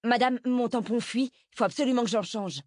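A woman voicing an anxious, blunt teenage schoolgirl in an audiobook, raising her pitch for the girl. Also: fairly quick, a little mellow, no room sound, studio quality, lightly acted. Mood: pleading. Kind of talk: audiobook character voice.

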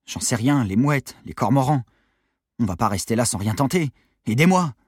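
A man voicing a brash, foul-mouthed teenage girl who shouts and rants in a high, raised voice. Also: animated, normal speed, husky, dry recording, studio quality. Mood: shaky defiance. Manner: shouting, loud and pushy.

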